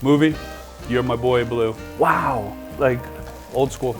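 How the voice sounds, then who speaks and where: A man's voice: medium pitch, fairly even intonation, slow, music in the background. A man in his forties chatting casually and rambling as he cooks, swearing now and then. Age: 40s. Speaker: home cook host. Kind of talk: casual cooking chat.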